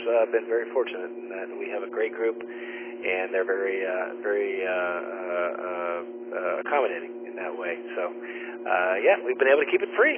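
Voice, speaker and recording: A man hosting an amateur radio net as net control, chatting in a friendly, teasing way with many fillers, heard over a ham radio transmission. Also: mid-range voice. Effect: ham radio transmission with static. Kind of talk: casual radio chat. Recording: tinny radio with loud static.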